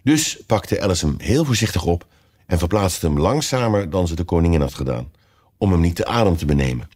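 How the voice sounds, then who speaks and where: A man reading a children's storybook aloud with lively, expressive narration. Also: low-pitched, brisk. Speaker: audiobook reader.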